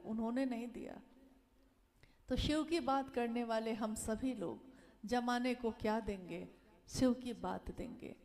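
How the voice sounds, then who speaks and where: High-voiced woman preaching earnestly. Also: a little mellow. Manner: earnest and exhorting, repeats phrases, acts out quoted speech. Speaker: religious speaker. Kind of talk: devotional sermon to a gathering.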